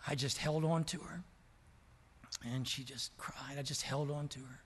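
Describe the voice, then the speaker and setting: An older man preaching a sermon, telling a story with passion and swinging from loud to hushed. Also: mid-range voice, steady tone, measured pace, husky. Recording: long reverb of a large hall.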